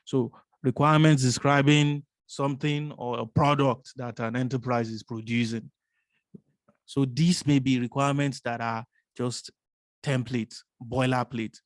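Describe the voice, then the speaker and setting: A man's voice: medium pitch, fairly even intonation, measured pace, no room sound, studio quality. A man teaching a business analysis course, explaining step by step, asking rhetorical questions and often adding "right?". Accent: non-American English.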